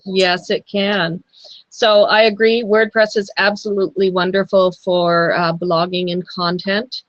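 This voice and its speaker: A woman co-hosts a casual online chat and gives earnest, repeated warnings. she sounds mid-pitched and close. the call audio is muffled and dry. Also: flat delivery, measured pace, no echo. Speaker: co-host. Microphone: video call.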